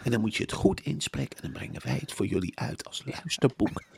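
A man's voice: medium pitch, lively intonation, brisk, vocal fry, slightly rough, heavily acted. A man putting on the voice of a gushing male publisher coaxing authors, mock-sweet and at times whispering.

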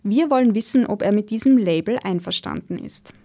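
Mellow-voiced woman narrating. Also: medium pitch, animated, a little fast. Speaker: documentary narrator. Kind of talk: scripted narration.

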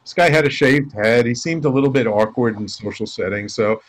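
A man's voice: mid-range voice, brisk. A man who works as a life coach, telling stories as a guest in a casual interview and acting out the dialogue in them. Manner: animated storyteller acting out quoted dialogue.

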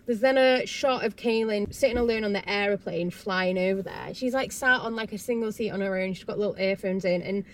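A young woman chats through a reality show recap at a mid-range pitch. She talks casually, dropping "like" often and sliding in dry, sarcastic asides. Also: fairly quick, hardly any pauses, slight background noise. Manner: chatty, sarcastic asides, lots of "like".

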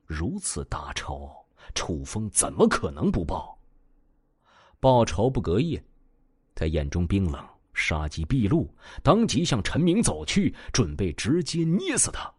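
A man narrating a web novel in an expressive storytelling manner. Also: fairly low pitch, measured pace, breathy edge, no room sound, studio quality. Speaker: audiobook narrator.

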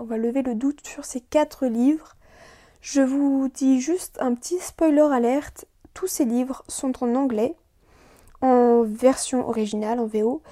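A young woman talks through a casual solo podcast episode in a high, mellow voice. She rambles easily, with frequent fillers and restarts. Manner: chatty, many fillers and restarts. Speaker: podcast host.

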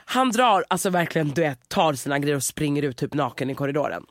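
A woman's voice: sits low, lively intonation, no echo, clean studio sound. A young woman hosting a podcast, telling a story dramatically and laughing through it. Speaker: podcast host. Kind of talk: animated storytelling.

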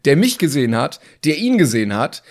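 This man, a podcast co-host, talks briskly in a medium pitch while casually recounting a comic tale. He's lively throughout, voicing the dialogue in a range of different voices.

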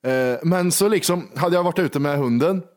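A man's voice: on the high side, darkish tone. A man in a casual podcast chat, bluntly telling stories about losing his temper and swearing often. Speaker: podcast co-host.

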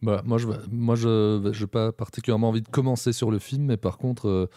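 A man chats as a panelist on a film show. His voice is deep, dark and suave, recorded close and dry. He feels his way through sentences, repeating words as he goes. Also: steady tone, no echo. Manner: halting, repeats words while thinking. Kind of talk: casual discussion.

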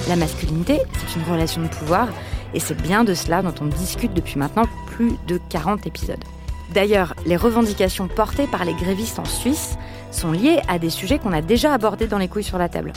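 A woman from France, a podcast host and journalist, narrating a documentary in a measured, assertive way. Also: lowish voice.

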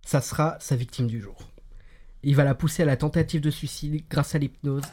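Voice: mid-range voice, a little fast, mellow. A narrator setting up an improvised comedy scene in a plain, matter-of-fact way.

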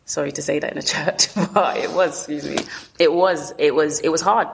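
A woman with a low voice and a south London accent speaks candidly as an interview guest. She talks colloquially, in short bursts, often rewording as she goes. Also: fairly even intonation, a little fast, vocal fry. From south London, England. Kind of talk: candid personal storytelling in an interview.

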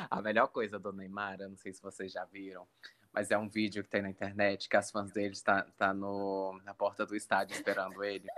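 A man's voice: lowish voice, moderate pace, fairly bright tone. A man chatting casually among friends, joking and laughing often. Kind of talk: casual chat.

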